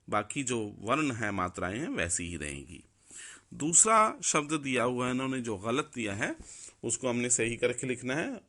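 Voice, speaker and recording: A man's voice: medium pitch, fairly bright tone. A man teaching a school grammar lesson, patiently explaining spellings and punctuation step by step.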